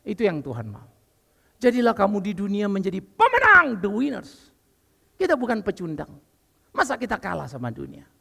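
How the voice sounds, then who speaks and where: An older man preaching a lively, joking sermon as a pastor while unwell. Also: high voice, normal speed, vocal fry, big-room sound. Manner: lively and joking, mixing in English phrases. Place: church.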